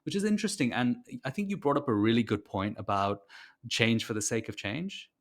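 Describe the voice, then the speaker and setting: A man co-hosting a gaming podcast, speaking in a relaxed, hesitant way with frequent "uh" and "um". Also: mid-range voice, fairly quick. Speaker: podcast co-host. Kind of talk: casual gaming chat.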